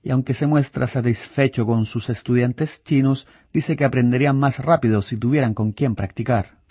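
A man narrating a news report in a measured, scripted voice-over. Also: medium pitch, mellow, breathy edge, no room sound.

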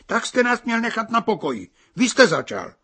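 A man voicing a brash, pushy young bride in a storybook reading, with a bold, teasing manner and a very husky voice. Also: sits high, wildly swooping pitch, sharp tone, pitched above the performer's own voice, full character voice.

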